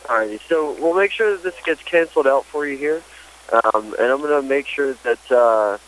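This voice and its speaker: Male call center agent, medium pitch, informal and halting, reassuring the customer over the phone. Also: fairly bright tone, rough recording.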